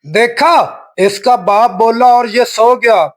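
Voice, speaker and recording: An actor voicing a smug adult neighbor in a cartoon who boasts slowly and self-satisfiedly about his obedient son. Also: very high voice. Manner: slow, self-satisfied, teasing. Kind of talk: cartoon voice acting.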